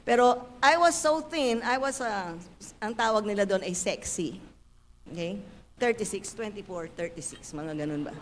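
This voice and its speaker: A woman, giving a lively, playful church testimony. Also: medium pitch, normal speed, long reverb tail, a little hiss or hum. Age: 70s. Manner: animated, playful storytelling with acted dialogue. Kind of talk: sermon testimony.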